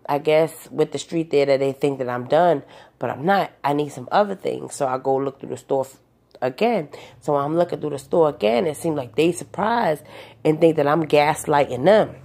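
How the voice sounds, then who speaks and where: A woman with a strikingly deep voice and a gravelly rasp recounts a personal experience in a loose monologue. She wanders between details, fills pauses with ums and likes, and restarts her sentences often. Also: a little mellow. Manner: rambling, with many fillers and restarts. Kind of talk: casual storytelling monologue.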